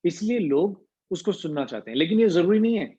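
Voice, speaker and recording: A man leads a voice training class, moving between Hindi and English. His voice sits a little high, and he hums to show how pitch moves. The sound is muffled and lo-fi, like a video call. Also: animated, dark tone, breathy edge. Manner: mixes Hindi with English, demonstrates pitch with hums and slow pauses. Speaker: voice coach.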